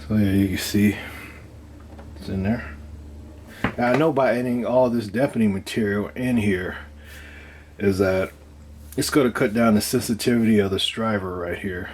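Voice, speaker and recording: Demonstrating a speaker he built himself, this man talks casually and hands-on, halting and unscripted as he works things out aloud. His voice is fairly low and a little mellow, and the recording carries some noise.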